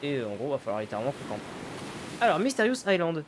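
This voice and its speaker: A man's voice: on the high side, sing-song, quick pace, noisy background. A man giving casual let's-play commentary, thinking aloud, swearing casually and loosely paraphrasing the game's dialogue. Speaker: gaming YouTuber.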